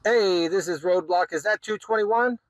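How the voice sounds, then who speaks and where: Speaking at a moderate pace in a voice that sits high, a man demonstrates a project hands-on for his hobbyist video, casual and folksy in his wording. Background noise and ambient sound are clearly audible.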